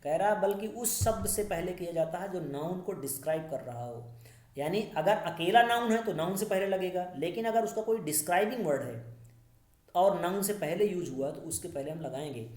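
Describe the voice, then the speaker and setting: A woman teacher going through a grammar lesson, patiently explaining each rule step by step and slowing down to read the English examples aloud. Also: fairly low pitch, expressive, a little mellow, roomy sound.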